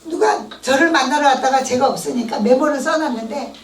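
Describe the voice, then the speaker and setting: High-voiced woman giving a church testimony. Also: a little fast, slight background noise. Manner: lively storytelling, acting out quoted voices. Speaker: testimony speaker. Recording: echoey hall, mic at a distance.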